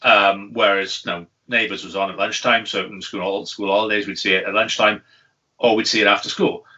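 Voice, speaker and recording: A man in his thirties talks fast in a chatty, wry podcast chat, his low voice edged and bright. He sits a little back from the mic, and the audio sounds lo-fi and dull. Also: little pitch movement. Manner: chatty, wry, loose swearing. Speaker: podcast co-host. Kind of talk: casual chat. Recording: lo-fi, a bit far from the mic.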